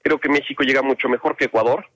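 A man reporting live from a city street, speaking in a measured, conversational way to the anchor. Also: medium pitch, fairly even intonation, fairly bright tone, no echo, low-quality recording. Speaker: field reporter.

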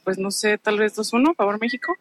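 A woman passer-by answering a street interview outdoors in a soft, hesitant way. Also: mid-range voice, a little fast. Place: outdoors on a busy avenue.

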